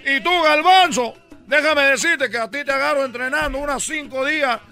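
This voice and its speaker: A man doing a high, brash ballplayer, fake Caribbean accent. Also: normal speed, sharp tone, faint music behind, heavily acted. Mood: boastful. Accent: put-on Caribbean Spanish, dropping the R. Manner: brash, bragging, teasing, chuckling. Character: boastful cocky male baseball player, adult. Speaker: radio comedy character. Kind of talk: radio comedy sketch.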